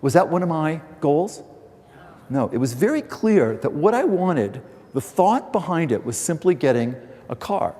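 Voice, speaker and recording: A man's voice: fairly high pitch, sing-song, unhurried, mellow. A man giving a communication seminar to a live audience, telling anecdotes, acting out other people's lines and asking the room questions. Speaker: communication trainer. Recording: long hall reverb, faint background music.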